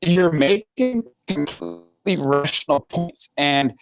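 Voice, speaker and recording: A man chatting casually on a livestream panel over a choppy online call that keeps cutting out, talking in a relaxed, offhand way. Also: a little high, slow pace, dull audio, a loud crowd. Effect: choppy online call audio that keeps cutting out. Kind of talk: casual political chat. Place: outdoors in the wind.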